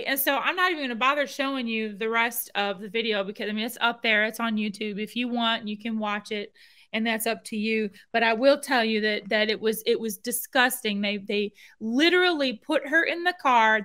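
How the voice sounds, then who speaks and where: A woman's voice: a little high, moderate pace, sharp tone. A woman hosting a vlog, commenting on video clips in an emphatic, indignant way. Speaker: vlog host.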